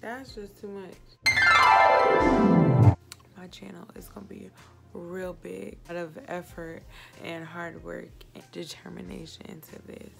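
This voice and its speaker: A woman's voice: on the low side, level tone, unhurried, creaky, pauses often, over music. A woman in her twenties chatting casually to camera as a makeup vlogger, with a tipsy, giggly, rambling drunk manner. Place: small indoor home set, close to camera.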